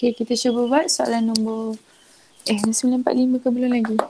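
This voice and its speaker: A woman's voice: on the high side, flat delivery, fairly quick, warm tone, slight background noise. A woman teaching an online physics lesson, mixing Malay and English and checking in often with the class. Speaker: lecturer.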